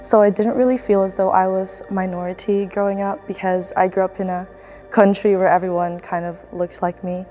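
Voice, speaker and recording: A woman's voice: mid-range voice, flat delivery, normal speed, warm tone, soft background music. A young woman student athlete from the Philippines, speaking in a casual, reflective documentary interview with fillers and restarts. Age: young adult.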